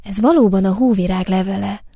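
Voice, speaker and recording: Egy nő, aki egy gondoskodó anyát szólaltat meg szelíd hangon, mesében. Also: female voice, mid-range voice, steady tone, warm tone, slightly rough, no echo, studio quality. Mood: caring. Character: warm, caring young mother.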